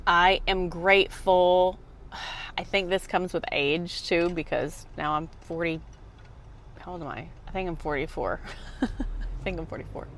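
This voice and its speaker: A woman's voice: fairly low pitch, fairly even intonation, a little slow, pauses often, a bit bright, a little hiss or hum. A woman in her forties, a fitness vlogger and mom, talking earnestly and directly to the viewer. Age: 40s. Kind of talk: casual motivational talk to camera.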